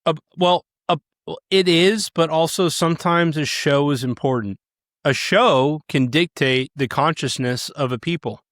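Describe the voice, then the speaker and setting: A man's voice: a little high, measured pace, a bit bright, no echo, clean studio sound. A man co-hosting a podcast in a casual political debate, cutting in and lecturing his co-host. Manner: argumentative, interrupting, lecturing.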